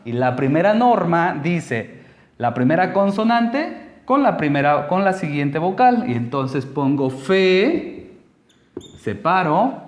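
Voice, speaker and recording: A man teaching a language lesson, explaining rules slowly and patiently, step by step. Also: on the high side, echoey room.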